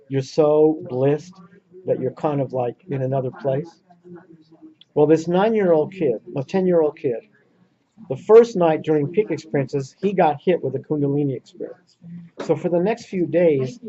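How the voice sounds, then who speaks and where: A man's voice: a little high, warm tone. Earnest storytelling man, muffled recording. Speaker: workshop leader. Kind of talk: speaking to a small audience.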